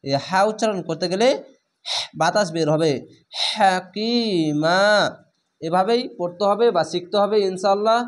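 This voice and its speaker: A man with a fairly high voice teaches Quran reading in a patient lesson. He names each letter and vowel mark in turn, then draws the whole word out slowly and carefully. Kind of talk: spelling-out recitation lesson.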